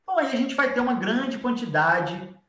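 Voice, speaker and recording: In an echoey room, a distant mic catches a very high, expressive male voice at normal speed with a somewhat bright tone. The speaker, a Brazilian-accented biology teacher, gives an informal explanatory lecture with drawing and keeps checking in with brief tag questions.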